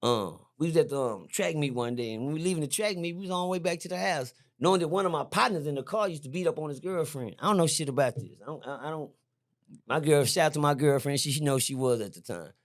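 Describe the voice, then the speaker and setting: A middle-aged man, a podcast guest, telling a story in a lively, slangy way, repeating himself and jumping high when excited. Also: fast talker. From Texas. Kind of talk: animated storytelling. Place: podcast studio.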